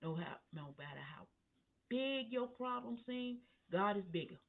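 A woman pastor preaching at a Bible study, in a slow, emphatic cadence that rises to fervent peaks. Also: a little high, lively intonation, vocal fry. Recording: tinny phone-line sound.

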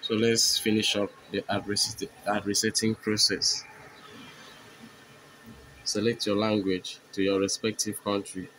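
A man narrating a step-by-step phone tutorial, explaining each button press in steady, repetitive phrasing. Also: on the low side, measured pace, slight background noise, rough recording. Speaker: tech tutorial host.

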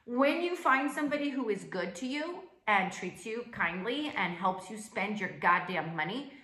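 A woman's voice: mid-range voice, expressive, moderate pace, bright, forceful tone, roomy sound. A woman venting a long story to camera in a casual, exasperated way, swearing often and acting out the voices of the people she quotes. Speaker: vlogger. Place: room in Calabria.

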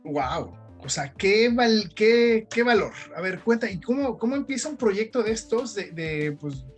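A man's voice: high voice, expressive, unhurried, breathy edge. Man in his 30s, podcast host on a headset, chatty with lots of fillers, faint music behind. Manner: chatty, many fillers and restarts. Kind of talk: casual video-call interview. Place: home room. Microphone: headset on video call.

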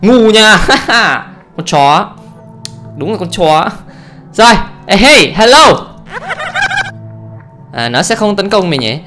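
A man giving let's play commentary on a horror game, excitable and often exclaiming and swearing casually. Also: high-pitched, takes it slowly, pauses often, faint music behind. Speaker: gamer, channel host.

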